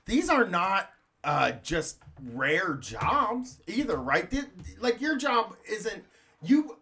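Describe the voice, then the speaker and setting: A man's voice: fairly high pitch, bright, forceful tone. A man co-hosting a casual podcast, rambling loosely, laughing often and reading listener comments aloud. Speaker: podcast co-host. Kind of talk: casual chat.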